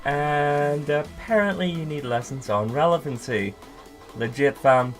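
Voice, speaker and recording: A speaker with a medium-pitched voice who delivers sarcastic jabs in a dry, deadpan way. Faint music plays underneath. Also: unhurried. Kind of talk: commentary rebuttal.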